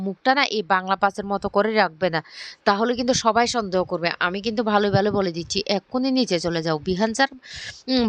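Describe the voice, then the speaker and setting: Give me a woman playing a defiant young daughter-in-law giving stern warnings, mid-pitched. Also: no echo, lightly acted.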